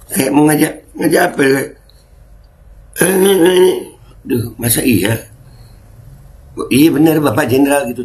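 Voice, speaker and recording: Man, middle-aged, low voice, mocking casual host banter. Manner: mocking, chatty banter with the audience. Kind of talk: casual reaction commentary.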